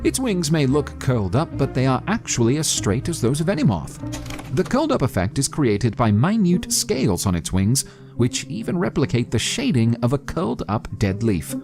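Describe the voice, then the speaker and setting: Lively male nature documentary narrator over music. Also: mid-range voice, moderate pace, creaky. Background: prominent background music.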